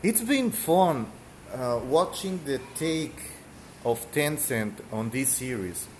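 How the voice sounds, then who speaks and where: Slight noise sits behind this Mexican gaming streamer as he meanders through casual commentary, coughing now and then and leaning on fillers. Spanish is his first language, and his thick accent comes through in an expressive, medium-pitched voice taken slowly.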